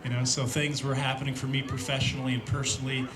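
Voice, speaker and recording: A man in his fifties from Indiana gives an earnest, reflective personal testimony at a church event, pausing often on fillers. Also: medium pitch, little pitch movement, crowd noise. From Indiana, USA. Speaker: speaker sharing a recovery testimony. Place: large room at a church event with an audience. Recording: roomy hall with audience noise.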